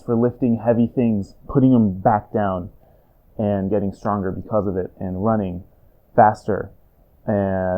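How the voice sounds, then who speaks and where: A man vlogging in a relaxed, rambling, upbeat way, with many fillers. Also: fairly low pitch. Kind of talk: casual chat. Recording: tinny phone-like sound.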